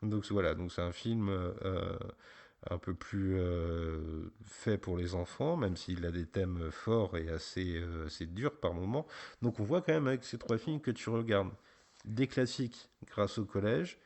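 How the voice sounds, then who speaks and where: Low-voiced man hosting a casual podcast. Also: measured pace, vocal fry. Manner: gently guiding, patient questions. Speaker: podcast host interviewing a child.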